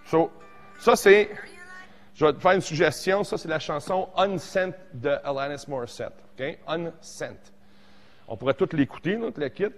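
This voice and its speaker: Man, 40s, Québécois accent, songwriting teacher, animated and joking, fairly high voice, reverberant hall. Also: measured pace, soft background music. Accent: Québécois French. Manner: joking, animated, mixes in English words. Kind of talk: casual classroom workshop.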